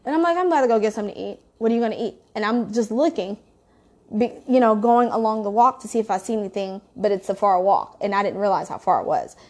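A woman's voice: mid-range voice, fast. A woman telling a story in a casual, rambling way, swearing freely. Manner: profane, rambling, animated storytelling.

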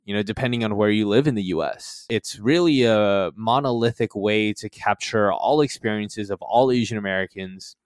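A young man from the San Francisco Bay Area talks through his interview answers in a relaxed, conversational way, often saying "um" and "you know." His voice is lowish and smooth, and the recording is close and dry. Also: no room sound. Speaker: interviewee, photographer.

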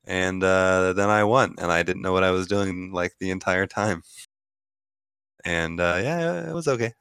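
Deep, smooth-voiced young man. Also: flat delivery, measured pace, fairly bright tone, dry recording, studio quality. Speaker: podcast host. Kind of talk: casual chat.

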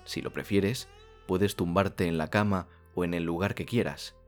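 A man from narrates a soothing guided sleep meditation like a bedtime story narrator, speaking calmly in slow phrases with long pauses. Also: low voice, soft background music.

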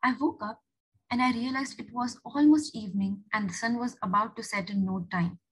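A woman narrating a short story aloud in an expressive, animated manner. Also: on the high side, normal speed, breathy edge, poor audio.

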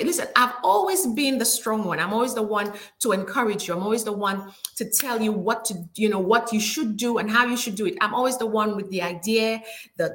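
A woman's voice: a little high, bright, forceful tone. A woman hosting a faith-based talk show, preaching to her viewers in a live chat, repeating and restarting her words as she calls out to them.

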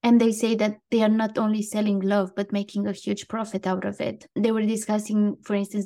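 A woman's voice: mid-range voice, warm tone. A woman co-hosting a casual podcast, talking in an easy chat and reading quotes aloud. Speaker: podcast co-host.

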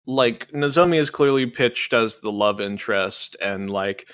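A man with a lowish voice co-hosts a casual gaming podcast. He rambles and fills his sentences with "like" and "uh", and he steers the chat with questions. His voice is recorded dry, with no room sound. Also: measured pace, fairly bright tone, smooth, no echo. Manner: rambling, heavy use of "like" and "uh"; leads the discussion with questions. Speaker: podcast co-host.

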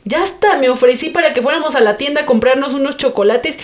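Woman as a worried, scolding mom, high voice, Mexican Spanish accent. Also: quick pace, close to an everyday voice. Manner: pleading, scolding. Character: worried mother and wife, insistent.

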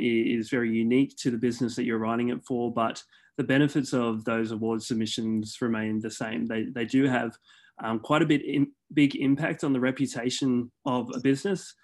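A man speaking as a communications manager and guest on a webinar, measured and restarting his sentences often. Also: mid-range voice, fairly even intonation, darkish tone. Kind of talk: explaining on a webinar. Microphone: video call.

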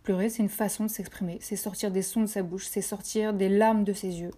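Speaking briskly in a mid-range voice that is dark and slightly rough, a French woman hosts a motivational podcast. Her tone stays steady as she encourages listeners directly and repeats phrases to stress them.

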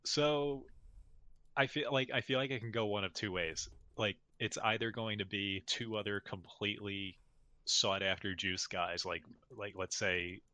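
Bright-voiced man joking in casual chat. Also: on the low side, measured pace, dry recording. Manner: joking, stammers at starts.

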